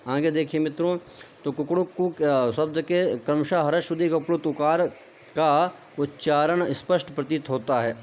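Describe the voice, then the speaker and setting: Guy teaching sanskrit grammar, kinda high voice, repeats stuff as questions, dull lo-fi audio. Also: moderate pace, darkish tone. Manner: explanatory, repeats points as questions to the viewer, addresses them as friends. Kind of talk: online lecture explaining a text.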